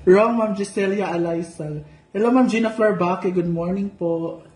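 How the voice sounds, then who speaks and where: A vlogger hosts a casual livestream, reading viewer comments aloud and tossing in playful, teasing jokes. His voice sits high with a darkish tone and a moderate pace. The room is echoey, with faint background noise.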